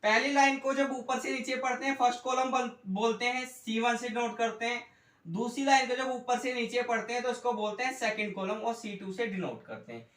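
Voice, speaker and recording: Slow-explaining male tutor in an echoey room. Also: extremely high pitch, a bit bright. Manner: slow, repetitive, quizzes students with questions. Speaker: economics tutor. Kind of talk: whiteboard math lesson. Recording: echoey room, mic far off.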